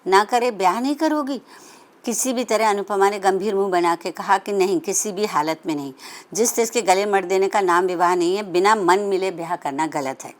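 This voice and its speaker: A woman's voice: medium pitch, normal speed. A woman reading a literary story aloud, with conversational asides and frequent self-corrections.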